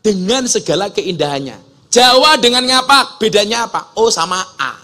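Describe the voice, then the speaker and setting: A man's voice: high voice, animated, moderate pace, pushed and bright. A man from Java giving a humorous religious sermon to a live audience, joking and acting out regional dialect voices. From Java, Indonesia. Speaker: preacher.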